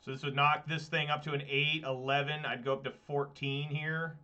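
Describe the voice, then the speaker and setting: A man's voice: a little high, level tone, moderate pace, sharp tone, dull audio. A man thinking aloud in a casual, muttering way while he plays an online card game, with exasperated asides. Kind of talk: thinking aloud over gameplay.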